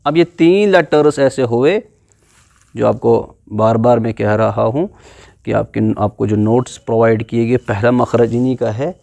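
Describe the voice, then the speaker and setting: A man's voice: medium pitch, creaky, mellow, no echo. A man with a Pakistani Urdu accent teaching a classroom video lesson on the Quran, patiently explaining letter by letter and drawing out sounds to demonstrate them.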